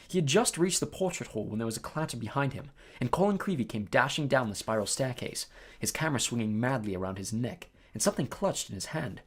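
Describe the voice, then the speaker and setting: An audiobook reader narrating a story with a lively, animated pitch. The voice is a little husky. Small slips and fillers show through.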